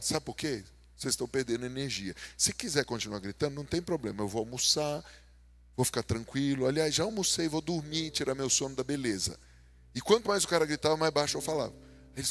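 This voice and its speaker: A man with a Brazilian Portuguese accent preaching a humorous sermon, telling stories and acting out dialogue, swinging between loud bursts and quiet asides. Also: mid-range voice. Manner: animated, jokey, acts out dialogue, swings from loud to soft.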